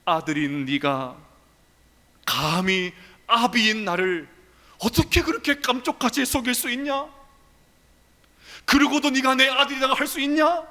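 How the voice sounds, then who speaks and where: A man preaching takes on an old father, Isaac, who reproaches his son slowly and with hurt. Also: extremely high pitch, bright, forceful tone, long reverb tail, voice pushed up, full character voice. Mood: reproachful. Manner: slow, wounded reproach.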